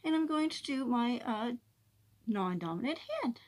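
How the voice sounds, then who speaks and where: A woman's voice: a little high, lively intonation, moderate pace. A woman talking through a face mask as she opens a casual nail art vlog, chatty and upbeat. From Canada. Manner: chatty, upbeat, says "groovy". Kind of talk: casual tutorial chat.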